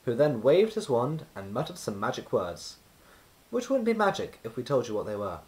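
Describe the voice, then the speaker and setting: Male narrator for a children's storybook: mid-pitched, highly animated, deliberate, expressive read. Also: slight background noise, low-quality recording. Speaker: children's book reader.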